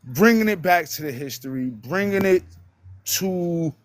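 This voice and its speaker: An American man chatting as a guest on a live stream, voice sitting a bit high for a man. He talks in an emphatic, rambling way and swears casually. The sound is close and dry, with no room around it. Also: animated, measured pace, no echo. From United States. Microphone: online live-stream mic.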